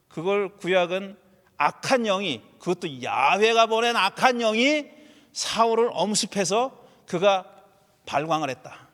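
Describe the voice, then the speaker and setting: A man preaching a sermon as a pastor, animated, voicing laments and rhetorical questions. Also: high voice. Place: church sanctuary. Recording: church hall with long reverb.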